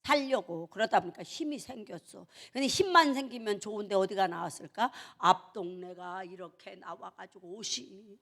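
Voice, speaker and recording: A middle-aged woman pastor giving a joking, animated sermon, acting out quarrels in sudden shouts and low mutters.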